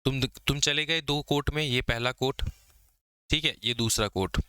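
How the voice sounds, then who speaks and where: Bright-voiced man teaching. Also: mid-range voice, clean tone, dry recording. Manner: explains casually, checks understanding with repeated questions; slows to dictate English definitions. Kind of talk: exam lecture.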